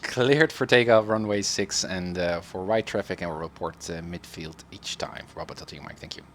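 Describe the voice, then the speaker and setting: A man's voice: low-pitched, brisk, a bit bright. A man making hesitant radio calls to air traffic control as a flight simulator pilot, speaking through a pilot cockpit headset mic. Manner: hesitant, with many fillers between phrases. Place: home flight simulator setup.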